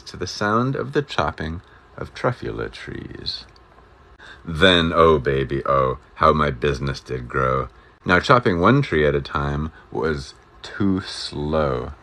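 A man reading a rhyming storybook aloud as a storyteller, with a rhythmic, expressive delivery. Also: low-pitched.

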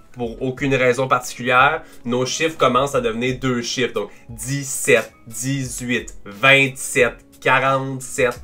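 A man from Quebec talks in a Québécois French accent, chatty and laughing easily as he reacts to clips. His voice is bright and forward, at an ordinary pitch for a man. Soft music plays faintly underneath. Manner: chatty, laughs often, explains language quirks. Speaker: reaction video host. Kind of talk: casual reaction commentary.

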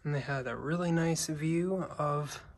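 A man talks in a low-key, offhand way while walking through abandoned rooms. His voice comes through a handheld phone camera. He names the objects he finds as he goes. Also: measured pace, slight background noise. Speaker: urban explorer. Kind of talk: quiet handheld exploration vlog commentary.

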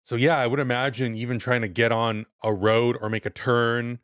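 A man's voice: mid-range voice, level tone, fairly bright tone, smooth, no echo, clean studio sound. A man co-hosting a podcast in casual chat, hedging his points with "I think". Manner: fast, chatty, hedging with "I think". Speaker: podcast co-host.

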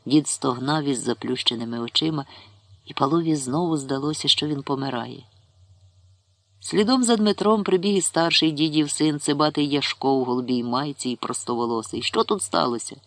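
Gravelly male storyteller, dry close mic. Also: on the high side, moderate pace, dry recording. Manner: expressive storytelling. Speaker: narrator. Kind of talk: scripted narration of a short story.

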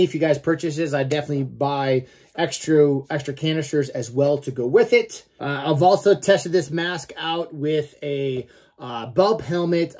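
Higher-pitched man reviewing gear casually. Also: darkish tone. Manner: informal, mildly profane, frequent "okay?" check-ins. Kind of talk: casual product review to camera. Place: small room at home, indoors.

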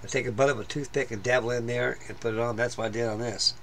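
At a workbench in a home hobby room, a middle-aged man rambles casually about the model he's building, speaking fast in a steady, medium-pitched voice with a bit of brightness. He's plain-spoken and keeps filling gaps and starting over, and there's slight background noise.

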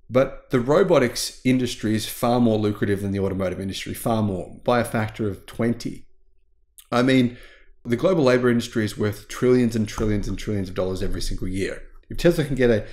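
A man's voice: mid-range voice, a little mellow. A man in his forties hosting a tech news channel from a small home studio, talking with emphatic enthusiasm and stretching key words. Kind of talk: casual news commentary.

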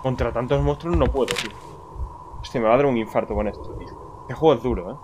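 A man's voice: mid-range voice, fast talker. A man with a Spain Spanish accent streaming a horror game live, talking to himself, swearing and startling easily. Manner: jumpy, swears often, talks to himself while playing. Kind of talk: live gameplay commentary. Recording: loud background noise.

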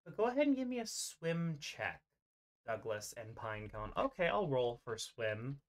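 A game master improvises the narration of a tabletop roleplay during an online voice call, often stopping partway through sentences. He sounds very animated in a mid-range voice.

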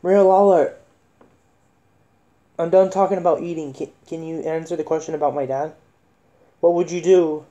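Very dark-voiced man, halting questioner. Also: on the high side, fairly even intonation, muffled recording. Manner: halting, repetitive, insistent questioning. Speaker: spirit box session host. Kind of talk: casual questioning of spirits. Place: indoor room with wooden floor.

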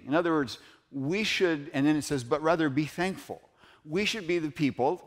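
Male pastor, earnest sermon delivery, quotes scripture. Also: medium pitch. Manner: earnest preaching, quotes scripture, rises in emphasis. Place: church sanctuary.

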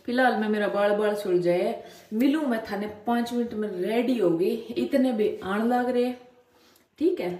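A woman's voice: a little high, normal speed, darkish tone. Chatty young woman with a Rajasthani accent. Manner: chatty and playful, teasing. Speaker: vlogger. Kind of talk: casual vlog chatter. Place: in a car. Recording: roomy sound with faint background noise.

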